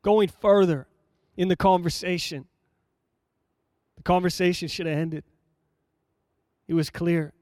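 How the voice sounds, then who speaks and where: A man preaching a sermon, reading scripture aloud and explaining it in a measured, emphatic way, repeating phrases for effect. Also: sits high, steady tone, a little mellow, no room sound, studio quality.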